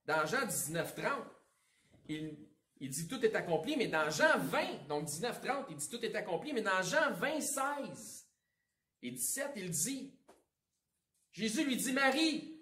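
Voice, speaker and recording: A man with a Quebec French accent preaching a Sunday sermon, swinging between emphatic outbursts and hushed asides. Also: sits high, big pitch swings, measured pace, echoey room, far from the mic, slight background noise. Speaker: pastor. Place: church sanctuary.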